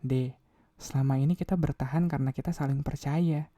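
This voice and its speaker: A man's voice: medium pitch, fairly even intonation, fairly quick, mellow, no echo, studio quality, lightly acted. A man reading a novel aloud, voicing an earnest young man who coaxes and insists. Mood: desperate. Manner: coaxing, insistent.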